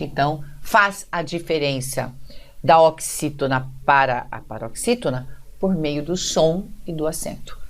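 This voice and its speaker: Give me a low-pitched woman with a Brazilian accent teaching a grammar lesson and checking in after each point. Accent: Brazilian Portuguese. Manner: explains step by step, checks in with "certo?" and "beleza?". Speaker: Portuguese teacher. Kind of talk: online exam-prep grammar lesson.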